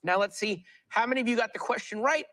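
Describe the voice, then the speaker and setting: A man's voice: very high-pitched, fast talker, background noise. A man hosting a television quiz show, reading questions and teasing contestants playfully. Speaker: game show host.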